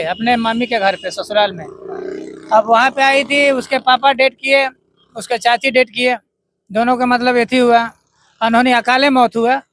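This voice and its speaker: A man from Bihar speaks in a notably high voice, telling his story in plain, repetitive, earnest words. The sound is dry and close. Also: a bit bright, no room sound. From Bihar, India. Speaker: husband of missing woman, interviewee. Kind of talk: street interview.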